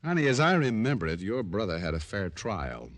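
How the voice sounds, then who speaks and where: Richard Diamond, deep wisecracking detective. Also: male voice, big pitch swings, a little fast. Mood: cool, flirtatious. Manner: dry, wry, breezy. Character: wisecracking, flirtatious, cool male private detective. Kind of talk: 1940s-50s radio noir acting and narration. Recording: vintage radio drama recording.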